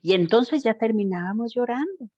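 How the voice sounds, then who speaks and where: A woman's voice: a little high, lively intonation, moderate pace, no echo, highs cut off. A woman giving an informal school talk on gender violence, speaking expressively and addressing the audience directly. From Mexico.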